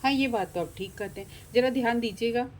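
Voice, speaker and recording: A woman's voice: a little high, quick pace, slight background noise, close to an everyday voice. A woman voicing a busy village mother in a doll story, talking in a practical, homely way.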